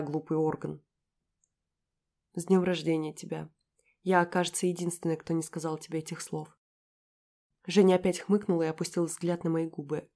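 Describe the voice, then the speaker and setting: A woman's voice: low voice, warm tone. Woman narrating a first-person audiobook.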